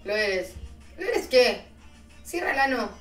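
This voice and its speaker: A woman's voice: on the high side, big pitch swings, unhurried, a bit bright, far from the mic. Argentine woman streamer, slangy and chatty, roomy echo, faint music behind. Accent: Argentine Spanish. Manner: slangy, chatty, laughing at herself. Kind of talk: casual storytelling to stream chat.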